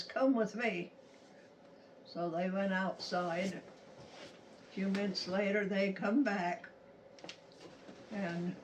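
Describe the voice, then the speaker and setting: Recorded a little far from the mic with faint noise, an elderly woman in her nineties speaks slowly. She has a rural Utah American accent and tells her story in a folksy, halting, plain-spoken manner. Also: medium pitch. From Utah, United States. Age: 90s. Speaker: grandmother telling a childhood story. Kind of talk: casual personal storytelling.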